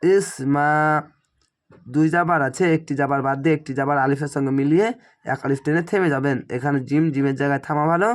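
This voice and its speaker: Here a man speaks very fast in a fairly high, steady voice, his throat a little strained. He teaches Quran reading by spelling out each Arabic syllable and drawing out the words as he recites.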